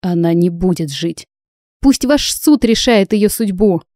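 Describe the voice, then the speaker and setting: A furious, commanding dark mage, curt and cold, as a woman narrator voices him. The voice stays mellow and the recording is dry and close. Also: fairly low pitch, lively intonation, unhurried, no echo.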